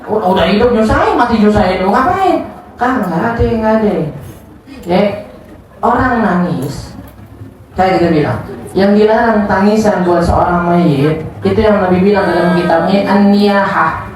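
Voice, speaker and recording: A woman's voice: mid-range voice, normal speed, darkish tone, a little hiss or hum. A woman giving a casual religious study lesson, joking and acting out little dialogues as she teaches. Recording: echoey room, distant mic, faint ambience.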